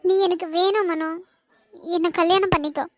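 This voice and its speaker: Woman voicing Madhu, shrill clingy young woman. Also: fairly even intonation, normal speed, dry recording. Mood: pleading. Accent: Kanyakumari Tamil. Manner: pleading, clingy, tearful. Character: lovesick young woman begging her ex. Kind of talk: cartoon voice acting.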